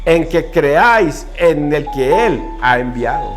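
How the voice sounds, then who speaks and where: Man, priest, homily, preachy, music clearly underneath. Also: on the high side, expressive. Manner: preachy, acts out everyday characters with quick asides. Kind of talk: gospel reading and homily.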